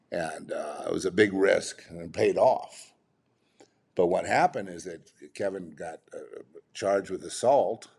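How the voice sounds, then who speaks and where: Rambling, exasperated man, lowish voice. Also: gravelly, a little mellow. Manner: rambling, exasperated, full of restarts and rhetorical questions. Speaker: commentator. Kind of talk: off-the-cuff commentary.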